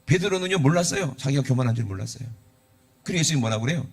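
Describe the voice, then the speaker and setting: A man's voice: medium pitch, lively intonation, very fast. A middle-aged male pastor, preaching conversationally with rhetorical questions. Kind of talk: sermon.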